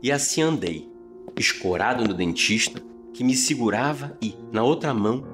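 A man narrating a scripted story podcast as its host, with a measured, theatrical delivery. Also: mid-range voice, lively intonation, music in the background. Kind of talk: dramatic first-person scripted narration.

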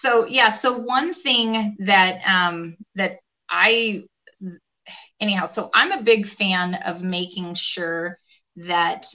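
A woman leadership coach in a podcast interview, talking in a lively way and acting out what other people say. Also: mid-range voice, slow pace, highs cut off. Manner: animated, acts out quoted voices.

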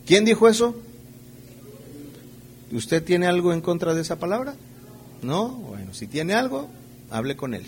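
Pastor with a higher voice. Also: male voice, sing-song, a little slow, long pauses, a little hiss or hum. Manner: checks in with the audience through frequent rhetorical questions; playfully acts out everyday scenes while preaching. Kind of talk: conversational sermon.

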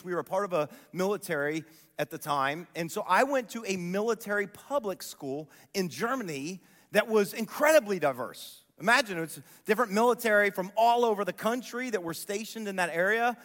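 A man's voice: high-pitched, fairly bright tone. A man in his forties from Columbus preaching a sermon, telling stories animatedly and throwing rhetorical questions to the audience. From Columbus, Ohio. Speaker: pastor. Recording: long hall reverb.

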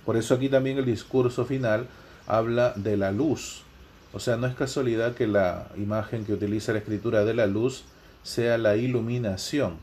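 Low, mellow-voiced man preaching as priest. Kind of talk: liturgical gospel reading and homily.

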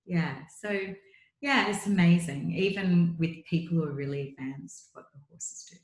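Woman, middle-aged, lowish voice, earnest, chatty, echoey room. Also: normal speed. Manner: earnest, chatty, many fillers. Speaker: guest, horse coach. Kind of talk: casual interview storytelling.

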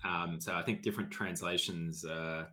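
A man's voice: deep voice, steady tone, moderate pace, bright, forceful tone. A man in a casual book discussion, offering ideas tentatively with frequent restarts.

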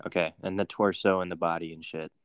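A man's voice: low-pitched, flat delivery, quick pace, clear, resonant tone, dry recording. A young man co-hosting a podcast in casual chat, rambling and goofy, leaning on filler words as he searches for ideas. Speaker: podcast co-host.

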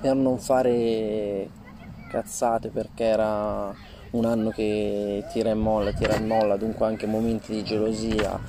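A man giving informal, halting testimony as an interview guest outdoors, rephrasing as he goes, his voice slightly muffled by a face mask. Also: lowish voice, level tone. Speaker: interview guest telling personal experience. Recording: faint outdoor ambient noise. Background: outdoor ambient noise.

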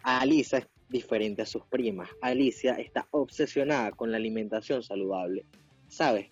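A man with a Venezuelan accent, chatting casually on a podcast, slangy and animated, laughing often. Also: mid-range voice, moderate pace, breathy edge. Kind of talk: casual chat. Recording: dull lo-fi sound with faint music.

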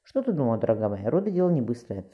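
A woman's voice: extremely low pitch, very animated, racing, lo-fi sound. A man voicing a soothing, firm motherly midwife. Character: caring middle-aged mother and midwife.

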